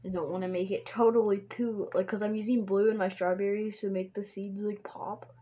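A woman's voice: mid-range voice, level tone, brisk. A woman chatting casually while she draws, rambling and joking and filling her talk with "like". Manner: chatty and joking, says "like" constantly. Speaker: vlogger drawing on camera. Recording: dull, noisy home recording.

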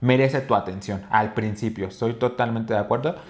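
A man's voice: fairly low pitch, normal speed. A young man with a Mexican accent, co-hosting a podcast and telling stories in a rambling way, full of fillers and restarts. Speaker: podcast co-host. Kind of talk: casual chat.

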